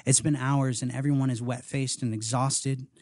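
A man reading aloud from his memoir at a live reading, in an earnest, measured and rhythmic way. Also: mid-range voice, steady tone, darkish tone, no echo, clean studio sound. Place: house reading event, indoors.

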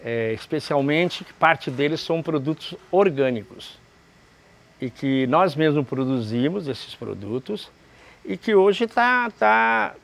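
A Brazilian man, a restaurant owner in his fifties, answering interview questions in a halting way with many restarts, recorded indoors in a large restaurant. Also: a little high, animated, gravelly, fairly bright tone. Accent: Brazilian Portuguese. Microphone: camera close framing, seated.

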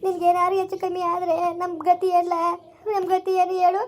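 A woman's voice: very high-pitched, monotone, brisk, a little mellow. A woman acting a village mother who pleads with and scolds her soldier son. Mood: pleading. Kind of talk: village family drama acting.

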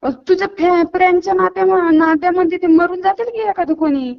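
A woman's voice: very high voice, moderate pace, vocal fry. A woman on a phone call, panicked and pleading, later scolding the caller. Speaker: prank call target.

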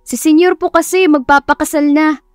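A woman's voice: high-pitched, fairly even intonation, moderate pace, dry recording, soft background music, pitched above the performer's own voice, close to an everyday voice. A woman voicing a nervous, deferential housemaid in an audio story. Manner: anxious, eager, polite.

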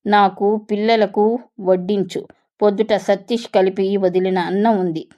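Bossy old mother-in-law with a sharp scolding tongue, read out by a woman narrator. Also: mid-range voice, fairly even intonation, a little slow, lo-fi sound, close to an everyday voice. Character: domineering harsh older mother-in-law.

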